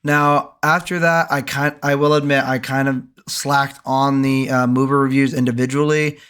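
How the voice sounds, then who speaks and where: A hoarse young man recovering from an illness, casually ranking the year's movies in a rambling, enthusiastic vlog full of ums. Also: mid-range voice, level tone, normal speed, a bit bright. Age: young adult. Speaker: movie reviewer.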